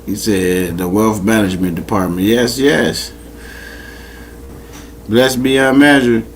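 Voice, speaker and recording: A man's voice: fairly low pitch, fairly even intonation, slow, a little hiss or hum. A man casually hosting a late-night livestream, talking in slang and repeating his greetings over and over to the chat. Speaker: livestream host. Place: home, late at night, dogs nearby.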